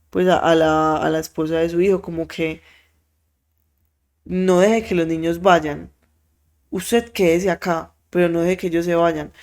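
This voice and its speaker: A podcast host, telling a story in an animated way, with many fillers and quoted voices acted out. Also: mid-range voice. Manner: frequent filler words.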